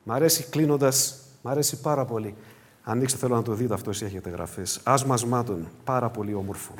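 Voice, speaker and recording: A man preaching a sermon as pastor, moving between loud emphatic exhortation and quiet asides in a repetitive cadence. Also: medium pitch.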